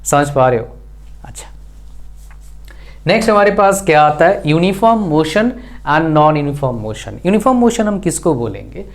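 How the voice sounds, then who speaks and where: A man's voice: fairly high pitch, big pitch swings, a little slow, long pauses. A man teaching an exam-prep physics lesson, constantly asking rhetorical questions and answering them himself, mixing terms into his speech. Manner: mixes English terms into Hindi. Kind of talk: online exam-prep lecture.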